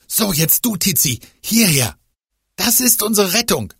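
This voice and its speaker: A man's voice: sits high, measured pace, gravelly, breathy edge, no echo, studio quality, voice pushed up, heavily acted. A man doing an eager adventure boy. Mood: excited. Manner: urgent, excited calls.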